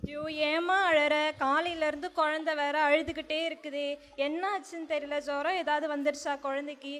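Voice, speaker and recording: A woman's voice: sits high, steady tone, moderate pace, fairly bright tone. A woman playing an anxious young village mother soothing her crying baby, in an amateur role play. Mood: fretful. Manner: fretful, pleading.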